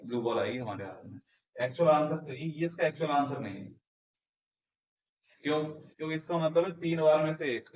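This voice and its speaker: A male math teacher with a fairly high voice gives a classroom lesson in mixed Hindi and English, working through each step and posing questions he then answers himself. The room echoes and the mic sits at a distance.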